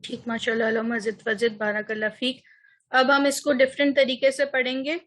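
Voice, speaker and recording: A woman's voice: fairly high pitch, flat delivery, moderate pace, a bit bright. A woman teaching an online Arabic grammar lesson, patient and encouraging, often checking that students follow.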